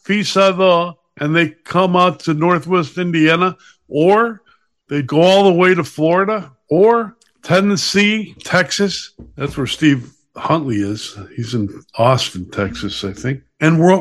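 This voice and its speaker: Male podcast host from Chicago, a touch high-pitched, sarcastic and combative, reads ads then rants. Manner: sarcastic, combative, slips into mocking voices. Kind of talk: opinionated podcast monologue with sponsor reads.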